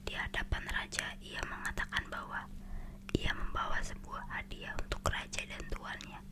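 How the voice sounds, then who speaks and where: An ASMR storyteller with an Indonesian accent reads fairy tales from the page. The voice stays in an unvoiced whisper throughout. The reading is a little halting, with words sometimes restarted and corrected.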